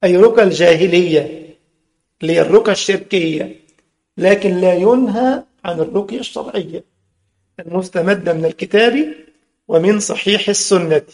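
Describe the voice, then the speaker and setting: A man's voice: high-pitched, moderate pace, darkish tone. A man with an Egyptian accent giving a religious lesson, mixing formal and colloquial speech and quizzing his listeners. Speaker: Islamic religious teacher.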